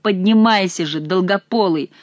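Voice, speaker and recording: A woman voicing a sharp-tongued male jester who barks orders and mocks. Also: medium pitch, moderate pace, no echo, natural voice. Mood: commanding. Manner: commanding, mocking.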